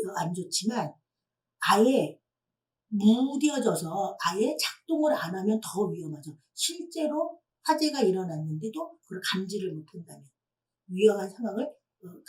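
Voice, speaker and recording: A woman's voice: medium pitch, a little mellow. A woman lecturer addressing teenagers, explaining step by step and putting questions to her audience. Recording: voice from a distant mic.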